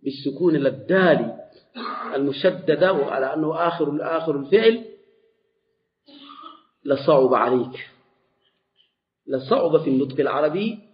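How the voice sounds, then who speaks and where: A man gives a grammar lesson in a slightly high voice, going over each point slowly and repeating words. The recording is dull and lo-fi. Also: lively intonation. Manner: slow, repeats and restarts words while explaining. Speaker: teacher.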